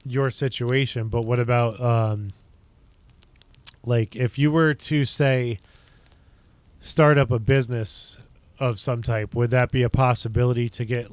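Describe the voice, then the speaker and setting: Easygoing livestream host, mid pitch. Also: male voice, clean tone, no echo. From upstate New York. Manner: thinks aloud in loose rambling sentences. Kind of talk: casual chat with viewers.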